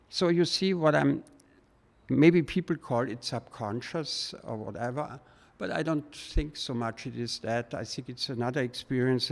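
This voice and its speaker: A man with a gravelly, creaky voice gives an informal guest lecture as an artist. He talks in a reflective, loosely rambling way. His voice rings out with the long reverb of a large hall. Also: mid-range voice.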